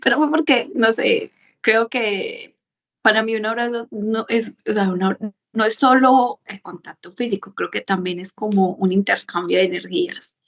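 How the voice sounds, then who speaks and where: Woman chatting on a podcast, expressive, laughs through her stories. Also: mid-range voice, moderate pace. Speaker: podcast guest. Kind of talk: casual conversation.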